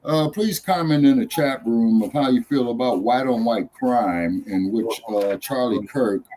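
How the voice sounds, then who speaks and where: Man, host, slow relaxed pace, faint hiss behind. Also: mid-range voice. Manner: loose, heckling, drawling asides. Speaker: podcast host. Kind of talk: casual talk show chat.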